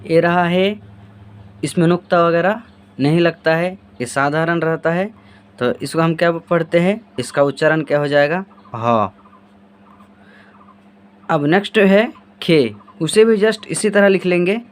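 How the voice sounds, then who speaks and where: A man's voice: fairly high pitch, moderate pace, clean tone. A man teaching Urdu handwriting step by step, asking and then answering his own questions as he writes. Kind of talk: step-by-step writing lesson.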